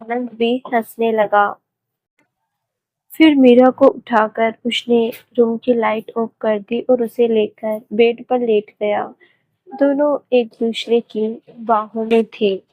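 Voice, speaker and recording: Slow, gentle woman storyteller. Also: on the high side, no room sound, narrow, tinny audio. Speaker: story narrator. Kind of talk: scripted romance narration.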